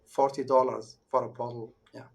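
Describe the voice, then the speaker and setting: Casting: male local expert, Moroccan accent, mid-pitched, casual explainer who repeats phrases as he goes. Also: level tone, moderate pace, vocal fry. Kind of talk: casual live Q&A.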